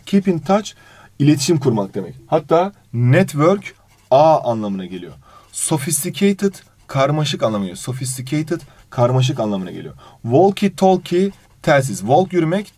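During an exam prep review, a lively male English teacher reads out English phrases, translates each one, and speaks to the student affectionately with animated intonation. His voice is a little high, and the recording has no room sound.

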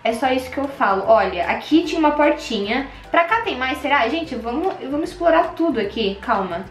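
Excitable Brazilian woman, high lively voice. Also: fairly quick, echoey room, soft background music. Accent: Brazilian Portuguese. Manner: excitable, gasping, squealing at finds. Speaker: gaming channel host. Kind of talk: Minecraft let's play commentary.

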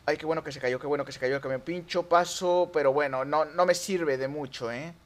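Excitable Mexican gamer, high voice. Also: male voice, a little fast. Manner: excitable, yelps and shouts at near misses. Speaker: gaming YouTuber. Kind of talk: live gameplay commentary.

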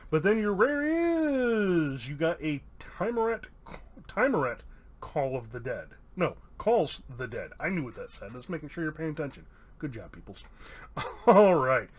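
A man's voice: on the high side, very animated, moderate pace, slightly rough. A man hosting a casual pack-opening video, reading out card names in an upbeat, chatty way with an American accent. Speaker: YouTube host opening card packs.

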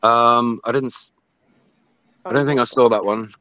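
A man's voice: medium pitch, steady tone, measured pace, sharp tone, clean tone, dry recording, highs cut off. A man joining a casual chat, talking hesitantly with stammered restarts.

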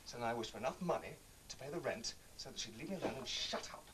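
An actor playing a young, dreamy, excitable composer, speaking softly at times and frantically at others. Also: male voice, mid-range voice, fast talker, lightly acted. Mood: wistful. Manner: soft and hushed, then frantic and shouting. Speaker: lead in a televised operetta. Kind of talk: 1970s TV studio drama acting. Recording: noisy old TV studio recording.

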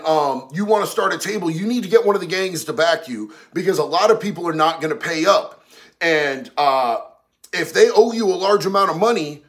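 A man's voice: high-pitched, a bit bright. Slangy man chatting with viewers. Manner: slangy, candid, talks about prison life. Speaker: streamer reading viewer messages. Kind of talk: casual livestream chat.

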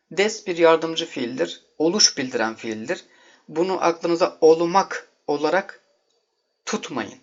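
A man's voice: fairly high pitch, vocal fry. A man teaching an online video lesson, patiently explaining and addressing viewers as friends. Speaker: language teacher. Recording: dull lo-fi audio.

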